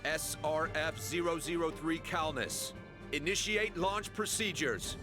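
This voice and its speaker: Man acting a commanding higher-pitched starship officer. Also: a little slow, music in the background, natural voice. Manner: authoritative, giving orders. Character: commanding officer of a spaceship launch crew. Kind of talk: English video game voice acting.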